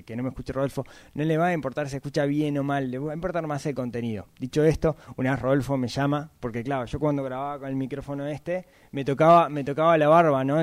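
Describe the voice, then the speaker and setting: A man, giving a casual, chatty talk about podcasting and often tagging his points with quick questions. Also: on the high side, dry recording. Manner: chatty, frequent tag questions.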